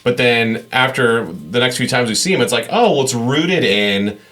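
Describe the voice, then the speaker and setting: A man's voice: mid-range voice, expressive, moderate pace, a bit bright. A man co-hosting a casual podcast, easygoing and steering the segments. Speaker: podcast co-host, voice actor. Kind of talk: casual chat.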